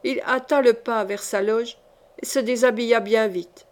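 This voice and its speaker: A woman narrates a classic novel in a measured, careful audiobook reading. Her voice sits a little high for a woman, and she tells the story clearly and steadily. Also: fairly even intonation. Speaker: audiobook reader.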